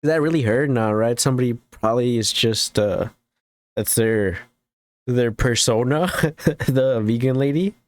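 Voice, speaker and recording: A man's voice: mid-range voice, normal speed, no echo. A young man streaming a casual reaction, rambling and stuttering as he jokes.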